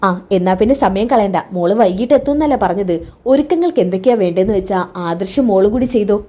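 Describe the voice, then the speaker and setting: A woman voicing an old grandfather who speaks gently yet firmly to his granddaughter, in a serial recap. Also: medium pitch, animated, a little fast, close to an everyday voice. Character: kindly but firm old grandfather.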